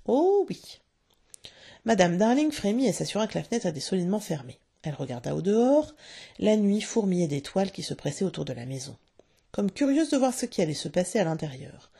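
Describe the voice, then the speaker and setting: A woman reading a storybook aloud with expressive, lively narration. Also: fairly low pitch, gravelly, husky.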